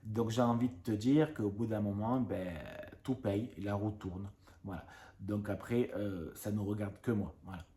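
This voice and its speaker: Man, thirties, low voice, fast rambling vlog rant, echoey room. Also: steady tone, mellow. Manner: fast-talking, rambling with many fillers. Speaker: YouTuber.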